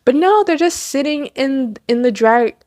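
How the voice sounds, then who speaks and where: A woman giving casual, gushing movie commentary, excitable and full of slang, laughing often. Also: high voice, a little slow, a little hiss or hum. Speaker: commentary host.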